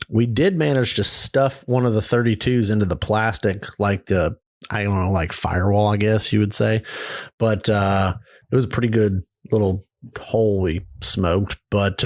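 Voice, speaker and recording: Guest, male, low voice dropping in and out over a call, dry and close, rambling casual talk. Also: no room sound. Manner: loose, rambling, with casual swearing. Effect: voice cutting in and out over an online call. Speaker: guest building a race golf cart.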